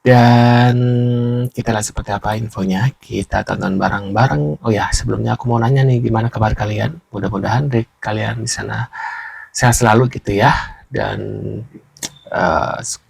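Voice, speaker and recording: A man's voice: on the low side, steady tone, moderate pace, vocal fry, darkish tone, husky. A man hosting a casual reaction channel, repeating himself as he goes.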